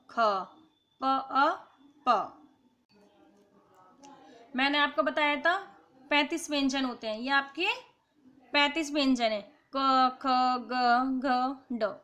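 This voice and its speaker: A woman teacher giving a grammar lesson to children, explaining slowly and sounding out letters one by one. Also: sits high, a bit bright. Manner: slow, deliberate explanation, spelling out sounds one by one. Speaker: school teacher.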